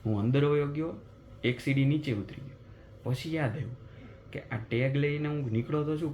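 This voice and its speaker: A man, telling a story as a vlogger in a chatty, animated way, recorded in his apartment at night. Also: medium pitch, slight background noise. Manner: animated retelling of a mishap, chatty and conversational. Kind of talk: casual vlog storytelling.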